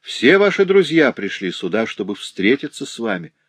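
A man reading an audiobook and voicing a merry young seamstress in a lively, eager tone. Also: lowish voice, measured pace, husky, no room sound, heavily acted. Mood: friendly.

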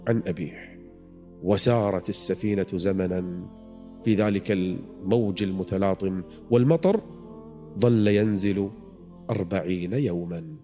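Dramatic preacher, echoing hall. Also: male voice, lowish voice. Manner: dramatic, swings from hushed to near-shouted pleading. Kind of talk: dramatic religious storytelling. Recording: long hall reverb.

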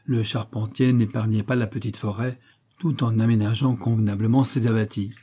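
A man reading a classic adventure novel aloud as an audiobook narrator, in a measured way, raising his voice for the characters' dialogue. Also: on the low side, fairly even intonation, mellow, slightly rough.

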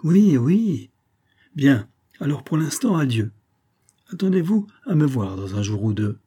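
A man voicing a smooth, scheming middle-aged army major with a coaxing, honeyed manner. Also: on the high side, very animated, unhurried, mellow, pitched above the performer's own voice, exaggerated voice. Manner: coaxing, honeyed, then contemptuous.

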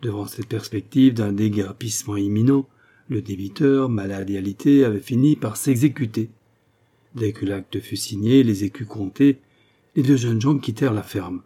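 Dark-voiced male audiobook narrator. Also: on the low side, normal speed, breathy edge. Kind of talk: scripted narration of a novel.

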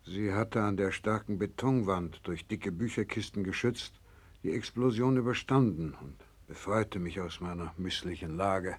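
In a 1960s German radio drama, a male actor with a low, husky voice plays a grave, resolute doctor who has survived a disaster. His first-person narration is solemn, measured, grave and stunned. In dialogue he turns urgent and commanding as he gives orders.

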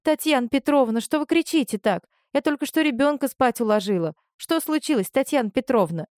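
A woman's voice: high-pitched, animated, a little fast, darkish tone, dry recording, clean studio sound, pitched above the performer's own voice. A woman voicing an anxious young mother next door. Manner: anxious, questioning.

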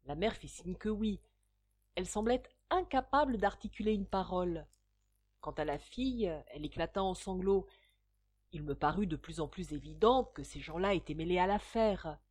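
A woman reading a classic detective novel aloud in a measured, expressive way. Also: fairly low pitch, no echo, studio quality. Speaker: audiobook reader. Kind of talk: audiobook narration.

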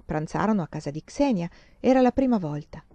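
A woman reading a novel aloud in a measured, expressive way. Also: fairly low pitch, no echo, dull audio. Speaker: audiobook reader. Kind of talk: literary audiobook narration.

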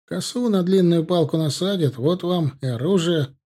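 A man voicing a stern, steady Russian soldier who speaks firmly. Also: a little high, moderate pace, pitched above the performer's own voice, lightly acted. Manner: stern and firm.

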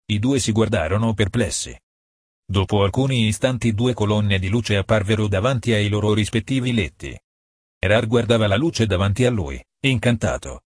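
A man reading a novel aloud as an audiobook in a steady, matter-of-fact way. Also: lowish voice, breathy edge, no room sound. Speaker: audiobook narrator. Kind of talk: scripted audiobook narration.

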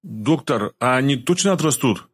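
A man's voice: medium pitch, lively intonation, normal speed, slightly rough, voice pushed up. A man voicing a frightened, wounded young male patient who speaks timidly and anxiously. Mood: sad.

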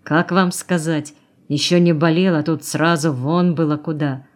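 A woman's voice: sits low, fairly even intonation, unhurried. A woman reading the lines of a plainspoken, grumbling male truck driver in an audiobook.

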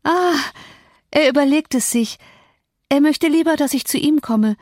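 A woman's voice: sits high, a little slow, a little mellow, dry recording, studio quality, voice pushed up. A woman voicing a feverish, delirious young woman who speaks in a raised, exalted, pleading way.

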